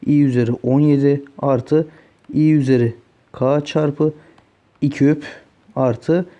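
A man's voice: medium pitch, fairly even intonation, slow, muffled recording. A man teaching math, working through exam problems step by step and often checking in with the students. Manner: talks through each step, asking "öyle değil mi arkadaşlar". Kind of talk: solving exam questions on a board.

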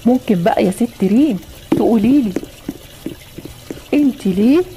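A woman with an Egyptian accent voicing a gentle, reassuring father in a voiced game story. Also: on the high side, normal speed, slight background noise, lightly acted. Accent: Egyptian Arabic. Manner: calm, reassuring. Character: gentle father, often away traveling.

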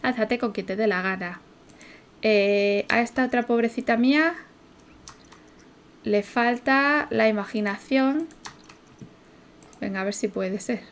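Chatty young woman, higher voice. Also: a little slow, pauses often. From Spain. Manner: chatty, swearing, laughing often, chanting repeated words. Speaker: streamer. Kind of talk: casual gameplay commentary.

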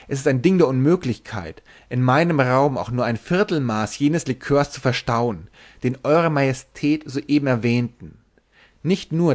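A man's voice: medium pitch, close to an everyday voice. Tipsy tall sailor, formal and long-winded, read by a male audiobook narrator. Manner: ornate, courtly refusal.

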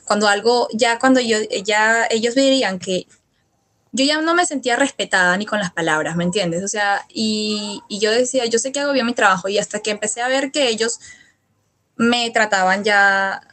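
A young Latin American woman talks through her experience in a relaxed interview, voice at an ordinary middle pitch. She circles back often, restarts phrases and slips in fillers as she thinks. The sound is close and clean, on a studio mic. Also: normal speed. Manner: hesitant, many restarts and fillers, quotes her own past words. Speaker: interview guest. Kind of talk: casual storytelling interview. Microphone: studio microphone.

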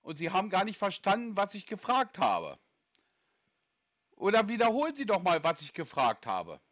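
A man's voice: sits high, huge pitch swings, moderate pace, a bit bright, dry recording, dull audio. A man making a prank call to a scam call center, impatient and lecturing, talking over the other side. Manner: impatient, lecturing, interrupts often. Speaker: scam-baiting caller.

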